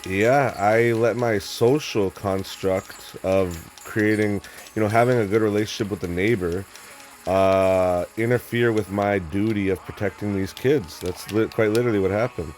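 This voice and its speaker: Deep-voiced young man telling a story bluntly. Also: normal speed, darkish tone, a little hiss or hum. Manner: rambling, blunt and profane, with many restarts. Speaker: vlogger. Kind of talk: casual storytelling monologue.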